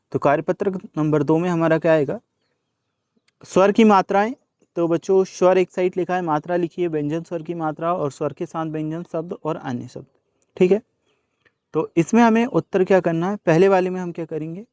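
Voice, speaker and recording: A man's voice: on the high side, darkish tone, no room sound. A male teacher working through a workbook solution lesson, addressing children, asking questions and answering them himself, dropping English words and numbers into his speech.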